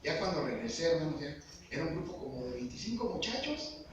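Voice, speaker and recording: A man's voice: a little high, sing-song, brisk. Man preaching in an echoey hall. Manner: earnest, asks the congregation questions. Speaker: lay preacher. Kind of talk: sermon. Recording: echoey hall, far-off mic, background noise.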